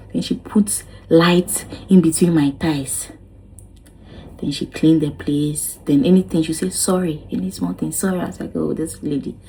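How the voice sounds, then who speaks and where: A woman's voice: on the low side, darkish tone, rough recording. A young woman telling her own story to camera, dramatic and exclaiming, acting out what each person said. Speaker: vlogger.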